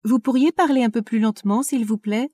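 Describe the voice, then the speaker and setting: A woman reading out phrasebook sentences slowly and carefully, like a language teacher. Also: on the high side, mellow, no echo.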